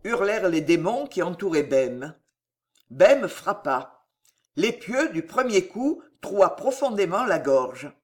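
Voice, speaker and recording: Narrating a dramatic historical novel, this audiobook reader uses a mid-range voice and tells the story slowly and expressively.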